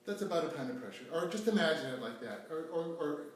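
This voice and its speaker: A man's voice: fairly high pitch, animated, fast. A man teaching self-stretching at home, explaining as he demonstrates, with frequent restarts and fillers. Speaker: stretching instructor. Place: home room during self-isolation. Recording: echoey room, mic at a distance, faint hum.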